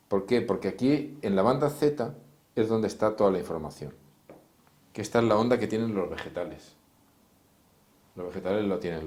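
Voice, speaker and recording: In an echoey room, a male therapist leads a casual class, addressing his audience directly and laying out ideas step by step in a teaching manner. His voice sits lowish and sounds a little mellow.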